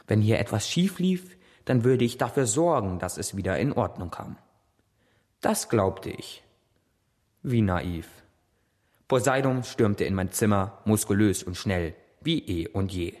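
A man reading a dramatic story in the first person, with an expressive, theatrical manner. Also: fairly low pitch, a little slow, in a large hall. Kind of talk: scripted dramatic narration.

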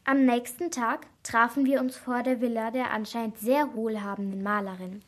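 A woman reading a first-person children's crime story aloud, lively and giving each character a voice. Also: on the high side, moderate pace.

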